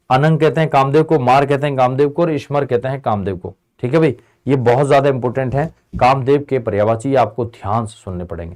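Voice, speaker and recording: A male teacher leading an online exam-prep lesson, casually drilling students by asking questions and answering them himself. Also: medium pitch. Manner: call-and-response drilling, answering his own questions; casual, addresses students as beta and bhai. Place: Indian tutoring channel.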